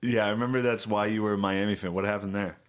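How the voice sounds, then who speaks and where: Low-voiced man laughing through stories. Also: steady tone, fast talker. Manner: laughs through his own stories, often giggling. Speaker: podcast co-host. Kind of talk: casual comedic chat.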